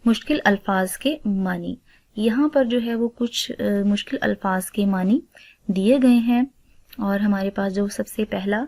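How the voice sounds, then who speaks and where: A woman teacher with a Pakistani Urdu accent, giving a recorded class lesson and slowly spelling out words and their meanings for students. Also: mid-range voice, darkish tone, no echo. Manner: slow, careful dictation of word meanings and spellings; addresses students formally, frequent 'aa' fillers.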